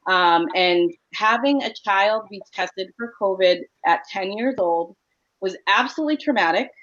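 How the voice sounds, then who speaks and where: A woman speaking earnestly in a casual discussion, often pausing on "um". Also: mid-range voice, a bit bright. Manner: earnest, with frequent "um" pauses. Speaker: parent panelist. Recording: dull lo-fi sound.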